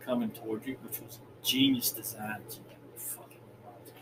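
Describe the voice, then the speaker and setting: A man's voice: fairly low pitch, steady tone, moderate pace. Profane storytelling guy, noisy room. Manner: loose, profane, laughing storyteller. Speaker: podcast co-host. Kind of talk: casual storytelling.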